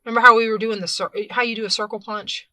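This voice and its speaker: This woman hosts a casual hands-on craft tutorial, chatting as she works and often correcting herself mid-sentence. Her fairly high voice is bright and forceful, with a steady tone and quick pace. The recording has no echo.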